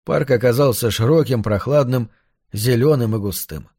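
A man narrating an audiobook in a measured, even way. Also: medium pitch, dry recording, clean studio sound.

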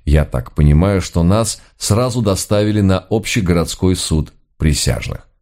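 A man's voice: low-pitched, moderate pace, a little mellow. A man narrating a comic novel in a dry, ironic storytelling manner. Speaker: audiobook narrator.

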